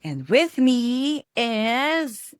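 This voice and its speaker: A woman's voice: a little high, sing-song, drawn-out words, smooth, no echo, clean studio sound. A woman from the Philippines co-hosting a podcast, chatting casually and reflectively and laughing easily. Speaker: podcast co-host. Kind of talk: casual chat.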